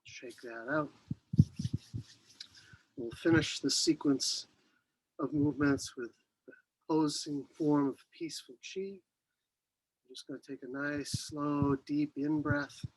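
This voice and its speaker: A man teaching qi gong, giving serene, unhurried movement and breathing cues with long pauses. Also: fairly high pitch, flat delivery, slightly rough, no echo, rough recording. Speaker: qi gong instructor.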